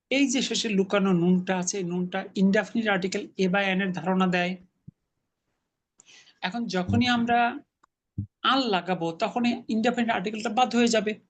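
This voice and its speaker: A man's voice: high voice, measured pace, pauses often, slight background noise. A man teaching an Arabic class online, patiently explaining grammar and correcting his students' pronunciation.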